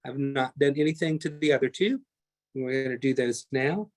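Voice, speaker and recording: A man's voice: mid-range voice, moderate pace, a little mellow. Chatty man teaching a painting class. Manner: chatty, talks through each step, self-correcting. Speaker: painting instructor. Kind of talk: live online painting class demonstration.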